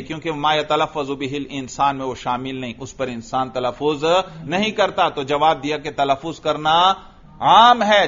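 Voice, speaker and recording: A man teaching a class on grammar, reading Arabic text slowly and then explaining it. He keeps asking questions and answering them himself, in a voice a little high for a man. The recording is dull and lo-fi. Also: fairly bright tone.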